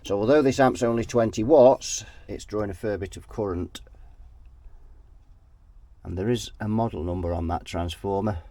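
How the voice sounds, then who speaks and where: Here a man with a lowish, mellow voice moves at a moderate pace and pauses often. Nasal and sniffly with a head cold, he chats casually through fixing an amp at his workbench, thinking aloud and regularly trailing off before picking back up.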